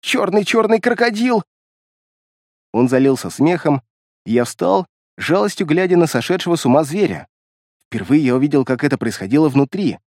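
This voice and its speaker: A man narrating a first-person fantasy audiobook in a calm, expressive storytelling manner on a close mic. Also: mid-range voice, a little fast, no room sound.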